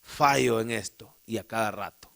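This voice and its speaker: A pastor with a Salvadoran Spanish accent preaches in a church sanctuary, telling a folksy, humorous personal story and addressing his listeners as brother. His voice is lowish and gravelly with a fairly bright tone, at normal speed.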